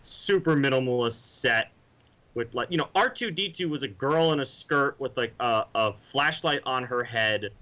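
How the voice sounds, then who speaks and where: A man's voice: medium pitch, animated, moderate pace, sharp tone, low-quality recording. A man co-hosting a podcast, chatting casually and rambling with restarts. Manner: rambling, with restarts and mimicked sounds. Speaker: podcast co-host. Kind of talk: casual chat.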